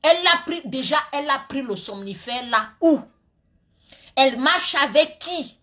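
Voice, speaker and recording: A woman's voice: high-pitched, expressive, measured pace, pushed and bright. A woman, a social media comedian scolding her critics in a heated rant to viewers. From Cameroon.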